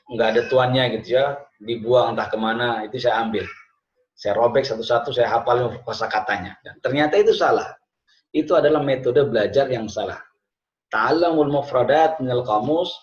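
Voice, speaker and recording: A man teaching an online class, telling lively stories and mixing in Arabic phrases. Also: medium pitch. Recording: echoey, dull lo-fi room sound.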